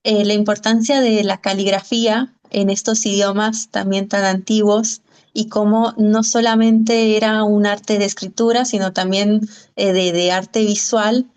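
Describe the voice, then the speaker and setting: A woman's voice: medium pitch, level tone, measured pace, a little mellow, smooth. A woman from Argentina moderating a Q&A on a video call, asking long questions full of fillers. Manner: filler-heavy, searching for words.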